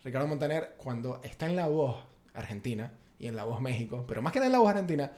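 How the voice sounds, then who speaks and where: A man with a Venezuelan Maracaibo accent chats casually as a podcast co-host. His voice sits at an ordinary middle pitch. He talks in an animated, slangy way and keeps reaching for fillers. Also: fast, crowd noise. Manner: animated, slangy, full of fillers like "tipo" and "o sea". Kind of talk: casual chat.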